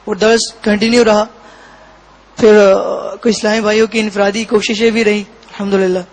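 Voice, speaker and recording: Sex: man. Role: guest. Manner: halting, high voice. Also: low-quality recording. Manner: halting, reflective, pausing often between phrases. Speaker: interview guest. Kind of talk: personal testimony.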